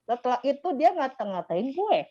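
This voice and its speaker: A young woman from Bogor, telling an interviewer about her time as a COVID-19 survivor in a chatty, animated way full of fillers. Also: high voice, normal speed, no room sound. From Bogor, Indonesia. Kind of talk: casual storytelling interview. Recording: dull lo-fi sound.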